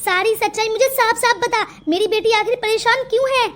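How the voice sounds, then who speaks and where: A woman's voice: extremely high pitch, brisk, a bit bright. A woman doing a fussy, worried village mother. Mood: scolding. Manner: fussy, coaxing, scolding. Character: worried, loving village mother, middle-aged. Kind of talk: cartoon voice acting.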